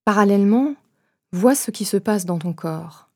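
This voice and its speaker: A woman leading a guided meditation, giving gentle, unhurried instructions in a soft voice with pauses between phrases. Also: mid-range voice, expressive.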